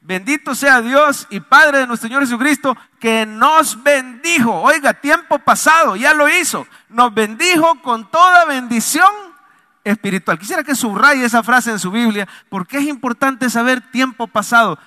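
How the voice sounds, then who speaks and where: A man preaches emphatically in a church sanctuary, quoting scripture to his congregation. His voice sits high and sounds piercingly bright. A long reverb from the hall trails each phrase. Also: moderate pace. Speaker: pastor. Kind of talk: sermon.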